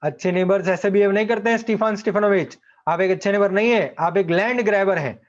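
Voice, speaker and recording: A man's voice: sits high, brisk, lo-fi sound, voice pushed up, natural voice. A man voicing an indignant, quarrelsome young male landowner from a play. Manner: indignant, insisting loudly.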